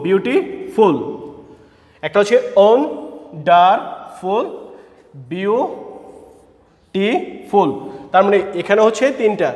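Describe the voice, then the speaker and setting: A man teaching a grammar lesson, explaining slowly and spelling words out letter by letter. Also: high voice. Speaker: English teacher. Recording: echoey room with long reverb.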